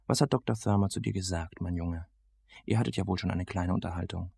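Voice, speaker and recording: A man voicing a frail old male teacher sick with the flu, speaking slowly and fussily. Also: deep voice, creaky, dark tone, breathy edge, no room sound, studio quality, full character voice. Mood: earnest.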